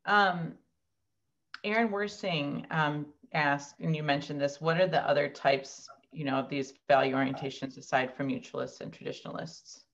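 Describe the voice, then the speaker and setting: A woman's voice: low voice, fairly even intonation, moderate pace, muffled recording. A woman moderating a webinar, politely reading out audience questions with brief thanks and fillers, over a video call.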